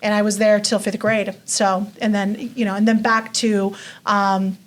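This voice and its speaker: An interview guest from Mexico, a woman in her forties, shares her life story unhurriedly in a mid-range voice with little pitch movement. She chats casually, leaning on fillers such as "like" and "you know."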